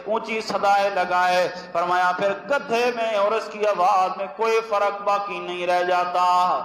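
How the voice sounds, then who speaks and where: A man with a Punjabi accent preaching a sermon, chanting Arabic verses slowly and then explaining them with emphatic repetition. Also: high-pitched, a bit bright. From Pakistan, Punjab. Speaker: religious scholar giving a weekly lesson. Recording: echoey hall with long reverb, faint ambience.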